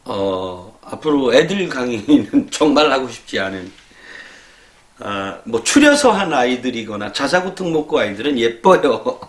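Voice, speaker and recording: A man lecturer telling a casual story, acting out scolding students with quick laughs. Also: mid-range voice, reverberant. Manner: animated, acts out exasperated scolding of students with laughs. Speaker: education lecturer.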